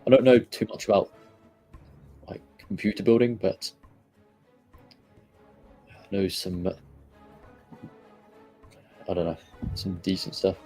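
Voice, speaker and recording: Male streamer, low mellow voice, laid-back and rambly, faint music underneath. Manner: relaxed, rambling, hesitant with frequent fillers. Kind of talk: casual live-stream chat, answering viewers.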